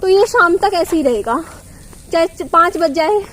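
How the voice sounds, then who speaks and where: A young mother gently coaxes and soothes her crying child, repeating short phrases, in a casual home vlog. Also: very high voice, animated, normal speed, slight background noise. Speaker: mother and vlogger.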